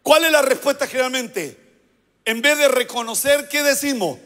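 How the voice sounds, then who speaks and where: A pastor delivering a sermon, prompting the congregation to repeat phrases back to him. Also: male voice, very high voice, normal speed, sharp tone, in a large hall. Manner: preaching with call-and-response prompts to the congregation.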